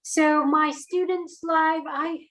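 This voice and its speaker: High-voiced woman, hesitant and chatty. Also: fairly even intonation, slow, a bit bright, poor audio. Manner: hesitant, many fillers and restarts. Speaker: alumna guest. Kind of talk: casual interview answers.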